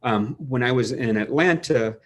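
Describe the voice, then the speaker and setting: A man's voice: medium pitch, a little slow. A man in his forties from New England, a winemaker guest in a casual video-call interview, explaining things with enthusiastic, rambling restarts. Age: 40s.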